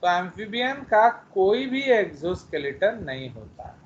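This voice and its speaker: A male biology teacher giving an online class, explaining slowly, asking students questions and scolding them at times. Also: high voice, big pitch swings, muffled recording, a little hiss or hum. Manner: scolding, mixing Hindi with English phrases.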